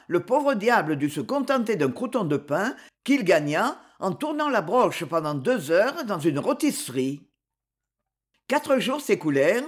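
Expressive audiobook narrator, lively pitch. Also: breathy edge. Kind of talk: scripted narration of a historical novel.

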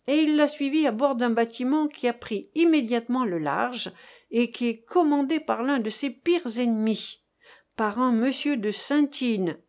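A woman voicing a gruff, brutal male bandit who gives grand, emotional speeches in an audiobook. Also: fairly high pitch, darkish tone. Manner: grand ranting speeches, slang-laden outburst.

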